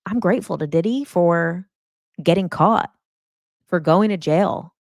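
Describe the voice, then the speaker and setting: A woman's voice: on the low side, a little slow, gravelly, no room sound, studio quality. A woman hosting a casual spiritual chat, talking loosely and rambling with lots of "like" and "you know". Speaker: podcast host and spiritual coach.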